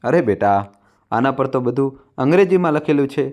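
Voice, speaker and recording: A man's voice: medium pitch, lively intonation, moderate pace, close to an everyday voice. A man voicing a timid elderly mother. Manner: soft, pleading, hesitant.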